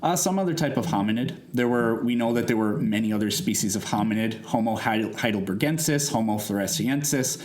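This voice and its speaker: A man's voice: fairly low pitch, a little fast, hardly any pauses, a little mellow. A man debating conversationally, explaining his reasoning in a pedantic way with rhetorical questions. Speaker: debater defending evolution.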